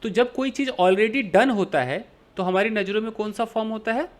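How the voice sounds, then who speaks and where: A man's voice: sits high, moderate pace. A man teaching an English grammar lesson in Hindi, explaining with everyday examples and asking and answering his own questions.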